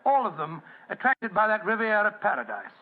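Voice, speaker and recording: An actor playing a genial, fussy older English doctor, narrating and acting in an old-time radio drama. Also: male voice, sits high, big pitch swings, a little fast, narrow, tinny audio. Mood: genial, storytelling. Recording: thin, band-limited vintage radio recording.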